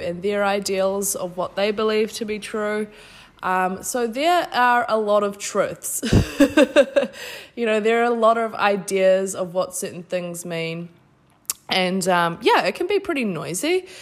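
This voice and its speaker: A woman with a New Zealand accent hosting a podcast, giving an informal, effusive spiritual self-help talk. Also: mid-range voice. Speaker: podcast host.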